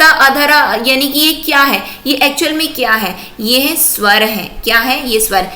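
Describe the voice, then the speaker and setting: A woman's voice: high-pitched, pushed and bright, roomy sound. An Indian woman teaching a grammar lesson for exam prep, asking questions and answering them herself while drilling sounds aloud.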